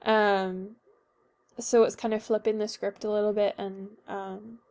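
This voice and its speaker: A slightly unwell young woman from Northern Ireland delivers a class paper presentation full of hesitations and ums. Her medium-pitched voice has a darkish tone, little pitch movement, and an unhurried pace.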